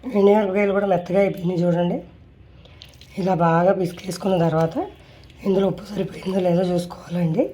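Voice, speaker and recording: Mellow woman narrating a recipe. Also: fairly low pitch, fairly even intonation, quick pace. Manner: polite, instructional. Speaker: home cooking vlogger. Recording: faint noise with kitchen clatter.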